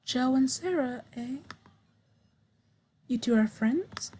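Young woman streamer, high-pitched and unhurried, stammering read-aloud of game text with excited spikes. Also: a little hiss or hum. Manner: stammering, repeats words, reads dialogue with sudden excited bursts. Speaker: gameplay streamer. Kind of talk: reading visual novel text aloud with commentary.

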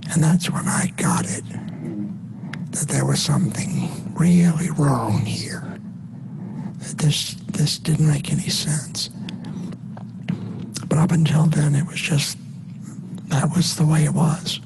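A man speaks in a hushed, half-whispered voice as part of a sermon. His voice is heavily gravelly and his pace is very slow. Clear room noise sits underneath him. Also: a little high, expressive. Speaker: rabbi.

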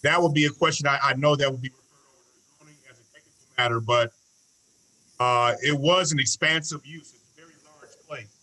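A man, an alderman calling into a meeting, speaking haltingly with restarts while his call breaks up and drops out. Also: mid-range voice, bright, forceful tone, rough recording. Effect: call dropping out, breaking up. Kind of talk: remote meeting remarks. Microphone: phone or video call. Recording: broken-up call audio.

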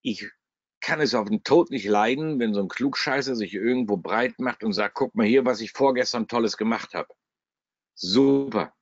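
At normal speed and medium pitch, a dialect-speaking German man leads a live trading webinar from his computer, sharing his screen. He's chatty and blunt with salty jokes while walking through it. The recording is dry and slightly dull.

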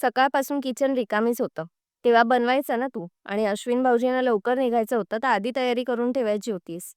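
A woman's voice: a little high, fairly even intonation, fairly quick, clear, resonant tone, no echo, clean studio sound, lightly acted. A woman reading the lines of a firm, devoted young daughter-in-law in a serial recap. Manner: firm, rebuking.

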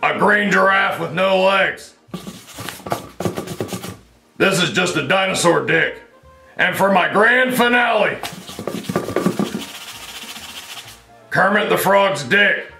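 A man voicing an earnest, inept party clown puppet, halting and simple-minded, in a roomy comedy sketch. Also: high voice, vocal fry, music in the background, exaggerated voice. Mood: presenting. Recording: roomy echo.

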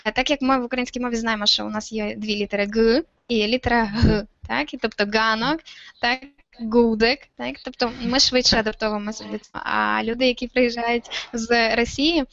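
Brief: woman from Ukraine, fairly high voice, halting with fillers, muffled lo-fi recording. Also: steady tone, gravelly, fairly bright tone. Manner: hesitant, many fillers and restarts. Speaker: interview guest. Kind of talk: casual explaining talk. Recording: dull, lo-fi, dry sound.

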